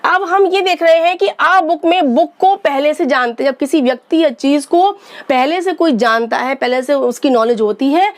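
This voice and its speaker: A woman's voice: high-pitched, moderate pace. A woman teaching English grammar in a patient lesson, asking and answering her own questions and repeating points. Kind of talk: explanatory lesson.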